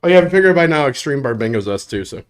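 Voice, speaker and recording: A man's voice: mid-range voice, expressive, fast. A man hosting a live bar prize giveaway show, jokey and upbeat, with chuckles and asides.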